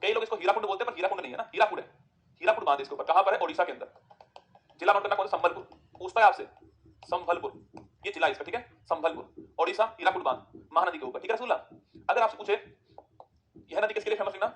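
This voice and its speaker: A man teaching an exam-prep geography lesson, firing quick questions at students and answering them himself. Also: high voice, fairly bright tone.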